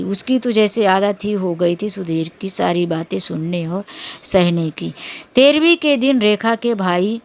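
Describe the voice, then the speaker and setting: A woman narrating a dramatic family story in an unhurried, emotional storytelling manner. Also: mid-range voice.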